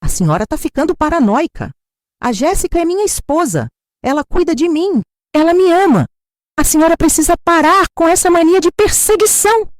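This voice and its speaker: A woman's voice: very high voice, expressive, brisk, dry recording, studio quality, voice pushed up. A woman voicing a weak grown son who defends his wife and snaps at his mother. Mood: shouting. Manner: defensive, raised voice.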